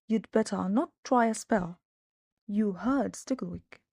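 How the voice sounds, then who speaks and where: A woman voicing a croaking, hopping female pet who nags and frets with an urgent, bossy manner. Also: mid-range voice, a little slow, darkish tone, no echo, clean studio sound. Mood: suspicious.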